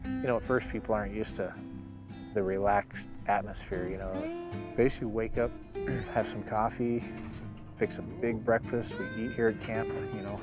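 Male camp outfitter; relaxed, flat, low voice, guitar music under. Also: normal speed. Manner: relaxed, says you know often. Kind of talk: interview. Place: outdoors at a tent camp.

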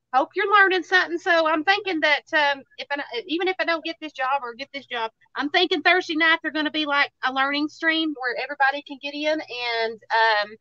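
A woman in her thirties from Tennessee, with a Southern US accent, hosts a craft livestream, chatting and joking casually in a self-mocking way. Her voice sits high with a sharp tone, recorded lo-fi with no echo.

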